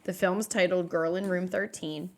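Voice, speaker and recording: A woman with a somewhat low voice leads a casual podcast conversation. She works through her notes with plenty of "um" and "like," restarting sentences as she goes. Her tone stays chatty and informal. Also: steady tone, normal speed, darkish tone, slight background noise. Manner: talks through researched notes with many fillers and restarts. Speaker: podcast co-host leading the episode.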